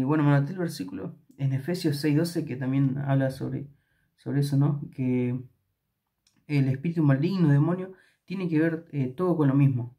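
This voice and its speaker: A man's voice: medium pitch, warm tone. A man with an Argentine accent reading scripture aloud and commenting at a Bible study, hesitant with many fillers and restarts. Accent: Argentine Spanish.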